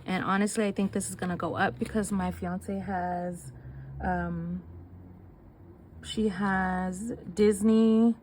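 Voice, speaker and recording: Counting bills out loud in fast, chatty bursts, a young woman talks casually about her budget in a vlog. Illness leaves her nasal and breathless; her medium-pitched, darkish voice moves little in pitch, with slight background noise.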